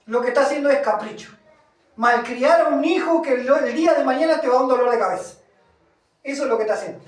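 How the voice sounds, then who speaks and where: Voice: high-pitched, fast. A preacher giving an emphatic sermon, reading scripture aloud and putting questions to the congregation. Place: congregation hall, also streamed. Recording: echoey room from far off.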